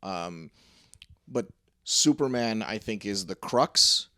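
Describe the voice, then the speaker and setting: A man co-hosting a podcast in casual chat, excitable and swearing freely, with lots of fillers and restarts. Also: lowish voice, takes it slowly, no room sound, studio quality. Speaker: podcast co-host.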